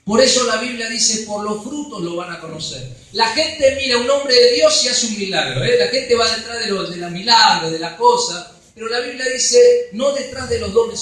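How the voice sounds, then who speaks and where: A man with a Rioplatense Spanish accent preaches a sermon in church, his high-pitched, slightly bright voice sounding far off in an echoey hall. He is emphatic, a pastor who keeps checking in with his congregation.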